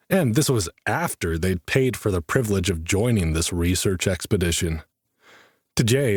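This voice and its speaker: A man narrates an audiobook in a low, slightly husky voice. His reading is dry and wry. The studio sound is close with no room echo. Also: darkish tone.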